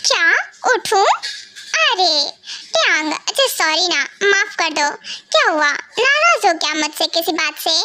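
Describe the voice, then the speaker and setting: Lady doing a cheeky young wife for a fan dub, super high voice, bouncy and animated. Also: unhurried, heavily acted. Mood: teasing.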